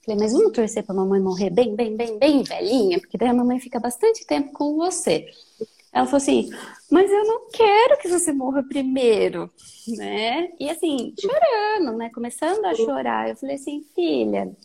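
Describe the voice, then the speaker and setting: A woman in her thirties speaking gently and thoughtfully in a reflective conversation, with many soft fillers. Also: fairly high pitch, lively intonation, moderate pace, vocal fry.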